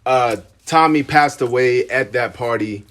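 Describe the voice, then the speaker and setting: A man, a podcast host, telling a personal story in a halting, subdued way with many fillers and restarts. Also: mid-range voice, fairly bright tone. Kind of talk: casual podcast conversation.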